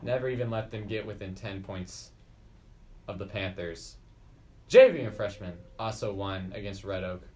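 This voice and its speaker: A man's voice: fairly low pitch, normal speed, darkish tone. A teenage boy co-hosting a casual school podcast, reading sports scores and joking around with his co-host.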